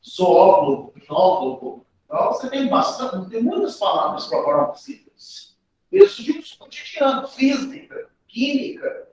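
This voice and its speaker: This grammar teacher, who has a Brazilian accent, prepares students for an exam by explaining step by step and often using tag questions. He speaks in a high-pitched, fairly bright voice, recorded from afar in a very echoey room.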